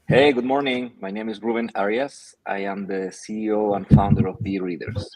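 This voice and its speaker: Low-voiced man. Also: steady tone, moderate pace, darkish tone, rough recording. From Chile. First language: Spanish. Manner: thoughtful, hesitant with many fillers. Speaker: guest, company founder. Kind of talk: casual interview answers. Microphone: video call.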